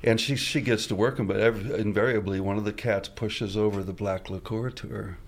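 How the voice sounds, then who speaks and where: Laid-back man with a lowish voice. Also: fairly even intonation, normal speed, creaky. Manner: loose, laughing, full of fillers and restarts. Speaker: guest musician. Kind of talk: casual rambling storytelling. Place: radio studio.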